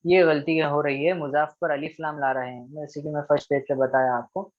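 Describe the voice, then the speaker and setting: A man's voice: a little high, flat delivery, brisk, highs cut off. A man teaching an Arabic grammar lesson, patiently repeating each rule and checking in with his students often. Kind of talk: recorded online grammar lesson.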